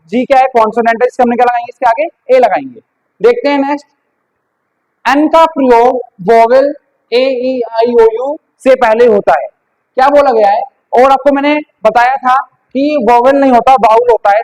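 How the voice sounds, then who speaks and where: A man's voice: extremely high pitch, poor audio. A man teaching English grammar, asking questions and answering them himself. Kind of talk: classroom grammar lesson.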